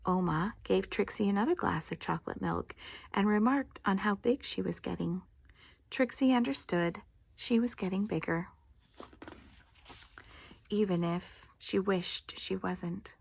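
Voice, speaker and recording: Creaky grandmotherly woman reading a storybook. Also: mid-range voice, a little slow, pauses often. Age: older. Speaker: storyteller reading a picture book aloud. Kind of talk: expressive read-aloud of a children's story.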